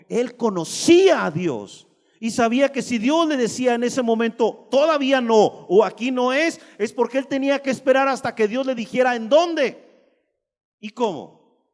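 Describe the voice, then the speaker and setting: Man, preacher, very high voice, emphatic sermon, long church reverb. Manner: emphatic, addresses listeners directly with rhetorical questions.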